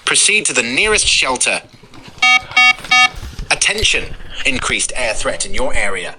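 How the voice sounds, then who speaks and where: Man's air raid warning over a loudspeaker. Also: medium pitch, very animated, a little slow. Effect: air raid warning over a public loudspeaker. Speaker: public warning announcement. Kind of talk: recorded public warning.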